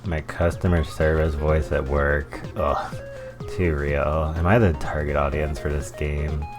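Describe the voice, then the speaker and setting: A man's voice: a bass voice, level tone, a little slow, over music. A man hosting a game playthrough with casual commentary and wry muttered asides. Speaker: gaming playthrough host.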